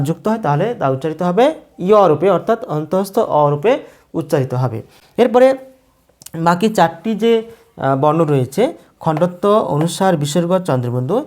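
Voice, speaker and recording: Teacher voice, mid pitch, methodical, repeats every sound for learners. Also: darkish tone. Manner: slow, repeats each sound several times. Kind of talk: pronunciation lesson.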